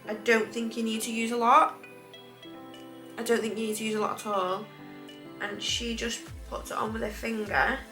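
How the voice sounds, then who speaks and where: A British woman with a bright, forward voice gives a casual, rambling makeup review. Her speech is slightly impeded from dental surgery, and she often corrects herself. Faint music plays behind her. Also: a little high, level tone, normal speed, pauses often. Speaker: beauty vlogger.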